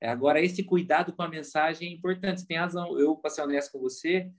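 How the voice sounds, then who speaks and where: A man with a Brazilian Portuguese accent, a pastor chatting casually on a podcast and telling lively stories. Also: a little high, fast talker. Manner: animated storyteller, acts out quoted voices.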